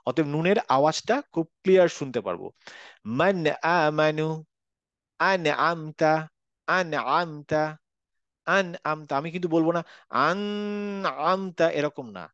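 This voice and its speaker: A man's voice: a little high, dry recording, dull audio. A man teaching a Quran recitation class online, patiently repeating examples and checking that students follow. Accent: Bangladeshi Bengali.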